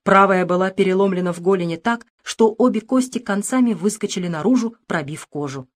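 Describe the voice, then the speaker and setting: A woman narrating a literary audiobook with expressive, tense storytelling. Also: medium pitch, a little fast. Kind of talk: dramatic literary reading.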